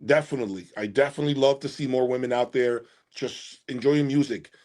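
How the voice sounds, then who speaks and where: Speaking fairly quickly in a medium-pitched, slightly mellow voice, a man runs a casual audio gear livestream from his channel. He responds to viewers with emphasis, often repeating phrases for effect.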